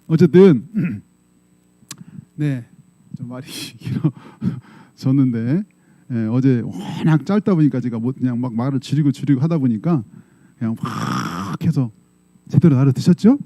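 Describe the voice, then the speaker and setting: A man's voice: medium pitch, expressive, measured pace, dark tone, no room sound. A middle-aged male pastor preaching a sermon in a conversational way. He often checks in with the congregation and acts out quoted voices. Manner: acts out quoted voices in short dramatic bursts. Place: church sanctuary.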